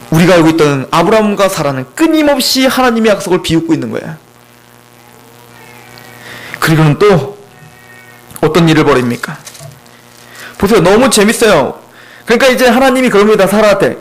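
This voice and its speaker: A man preaching an expository sermon as pastor, in an animated, conversational way full of rhetorical questions, in a church. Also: high-pitched, low-quality recording. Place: church sanctuary.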